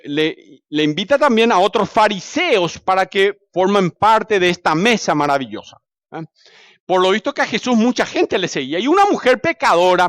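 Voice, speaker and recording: A man preaching with a Paraguayan accent, his voice pitched high for a man. He tells his stories with animated swings, rising loud and then dropping to a hush, and puts questions to his listeners. The sound is close and dry, with almost no room echo. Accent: Paraguayan Spanish. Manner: animated storytelling, swings from loud to hushed, asks the congregation questions. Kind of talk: sermon.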